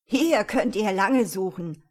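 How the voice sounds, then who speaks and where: A woman's voice: mid-range voice, animated, slow pace. A woman doing a cheeky herd boy. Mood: teasing. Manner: teasing.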